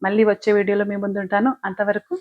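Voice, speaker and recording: A woman's voice: mid-range voice, level tone, fast talker. A woman hosting her own channel, modestly apologizing for the video quality and asking viewers to subscribe. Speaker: channel host. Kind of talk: casual channel outro. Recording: dull lo-fi, dry.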